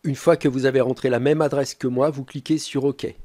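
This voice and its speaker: A man presenting a step-by-step tech tutorial, talking calmly with frequent hesitant filler pauses. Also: mid-range voice.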